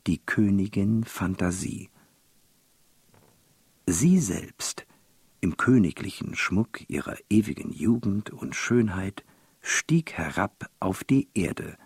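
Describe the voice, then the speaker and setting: A man giving a slow, expressive literary reading of a fairy tale, recorded close and dry. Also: sits low, vocal fry, husky, no room sound. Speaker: reader.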